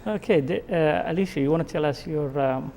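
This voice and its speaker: A man's voice: fairly high pitch, brisk, vocal fry, mellow, a little hiss or hum. A male host asking guests questions in an interview, with frequent short acknowledgements. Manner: asks friendly questions with short backchannels. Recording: reverberant room.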